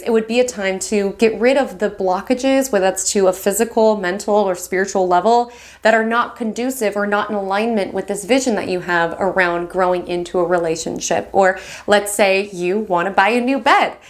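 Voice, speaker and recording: Fast-talking encouraging astrology host, woman. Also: mid-range voice. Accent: West Coast American. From United States. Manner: fast, excited, affectionate and encouraging. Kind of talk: weekly horoscope monologue.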